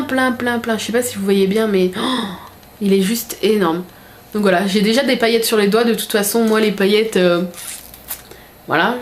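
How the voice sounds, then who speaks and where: A woman's voice: mid-range voice, a little hiss or hum. A young woman in casual vlog chat, unboxing a gift parcel and gushing over each item with lots of fillers. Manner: chatty, gushing, filler-heavy. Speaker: vlogger.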